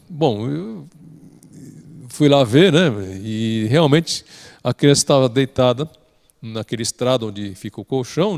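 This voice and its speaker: Brazilian guy teaching a lesson as a story, keeps saying "né?", reverby hall sound. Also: a little high. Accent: Brazilian Portuguese. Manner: tags sentences with a questioning "né?". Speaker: religious study instructor. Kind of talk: storytelling lecture.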